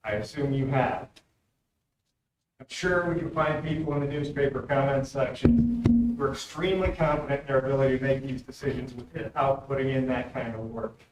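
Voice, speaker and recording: Dry-humored man in an echoey, noisy room. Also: mid-range voice. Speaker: speaker at public meeting. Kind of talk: prepared public comment. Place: indoor public meeting room. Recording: echoey room, distant mic, clear noise.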